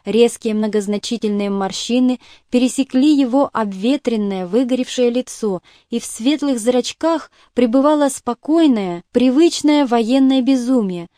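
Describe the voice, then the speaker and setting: A woman narrates a novel in a measured, even reading. Her voice is fairly high and warm, recorded close on a studio mic with a dry, dead sound. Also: no echo. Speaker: audiobook narrator. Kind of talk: scripted literary narration.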